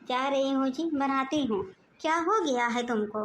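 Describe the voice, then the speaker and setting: A woman's voice: high-pitched, normal speed, a little hiss or hum, lightly acted. A woman voicing a meek young wife in a cartoon, pleading and placating with her angry husband.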